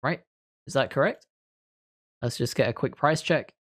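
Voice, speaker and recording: A man talks through a video game in a relaxed, chatty way, thinking aloud over each choice. His reactions stay mild and understated, and he keeps up a steady running commentary. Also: mid-range voice, moderate pace. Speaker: gaming video creator. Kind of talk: casual gameplay commentary.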